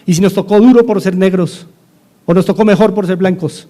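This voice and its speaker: This is a radio sermon with studio-like sound, preached by a middle-aged pastor with a Colombian accent. His voice is high and dark in tone, held steady as he speaks fairly quickly and earnestly repeats his urgings.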